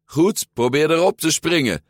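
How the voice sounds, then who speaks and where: A man voices a cocky, pushy boy full of bluster, pitching above his own voice to a fairly high level that still sounds close to everyday speech. He sounds boastful and urging, with lively intonation at normal speed. The recording is dry and studio quality.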